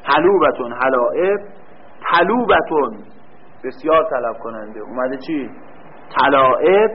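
A man's voice: medium pitch, lively intonation. A man giving a grammar lecture, quizzing the class with questions and answering them himself, stretching out key words. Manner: drawn-out stress on key words. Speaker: teacher. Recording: dull lo-fi recording with faint room hum.

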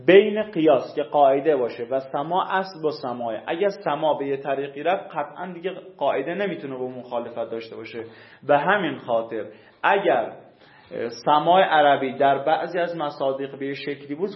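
A male teacher giving a classroom lecture on recitation rules, explaining patiently and quizzing his students. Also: on the high side. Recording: echoey room, dull lo-fi sound.

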